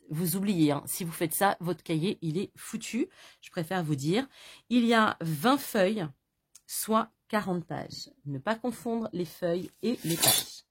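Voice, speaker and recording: A woman's voice: on the low side, breathy edge. A woman casually presenting a product to camera, chatty and self-mocking, with many hesitations. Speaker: vlogger presenting a notebook.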